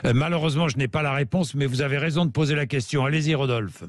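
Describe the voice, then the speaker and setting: A male talk-radio host speaks into a close studio microphone with a dry, dead sound. He is brisk, cuts in often and challenges his guests and callers. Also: a little high, dry recording. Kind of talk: radio talk show hosting.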